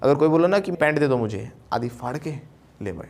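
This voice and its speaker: A man's voice: a little high, expressive, a little fast, darkish tone. A man teaching an English class, keeps asking the class questions and mixes Hindi with English. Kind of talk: classroom lesson.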